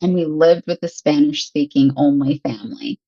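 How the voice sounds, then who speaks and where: Here an American English teacher from Michigan, in her thirties, chats casually as a guest, laughing often. She speaks at a normal speed in a low, warm voice with fairly even intonation. The recording has no echo but sounds muffled.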